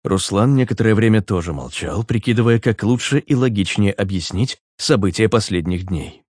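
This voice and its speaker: A man narrating an audiobook in an even, steady storytelling manner. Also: lowish voice, moderate pace, no echo, clean studio sound. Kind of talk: scripted narration.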